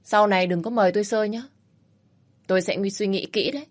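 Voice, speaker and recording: A woman's voice: mid-range voice, steady tone, quick pace, close to an everyday voice. A woman voicing a cocky, teasing young man with a brusque, mocking way of talking, in a storybook reading.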